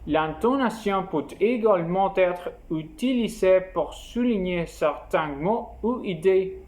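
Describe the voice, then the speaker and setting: A man narrating a scripted lesson in a slow, measured, explanatory way. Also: high-pitched. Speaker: teacher.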